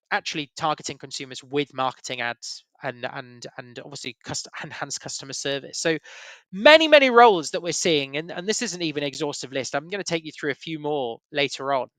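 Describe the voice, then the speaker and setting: Bright-voiced man presenting. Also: a little high, dry recording. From Yorkshire, England. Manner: chatty, many fillers and restarts. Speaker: webinar presenter. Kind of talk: casual presentation.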